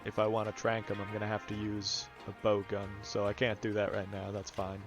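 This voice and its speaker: With a completely flat delivery, a lowish-voiced man briskly narrates a casual let's-play, reasoning aloud and explaining how the game works. Game music plays in the background.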